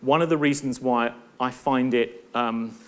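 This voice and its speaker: A man's voice: medium pitch, steady tone, a little slow, clean tone. A middle-aged man giving a conference talk as a university professor, earnest and thoughtful, often restarting and repeating words. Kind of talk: conference presentation.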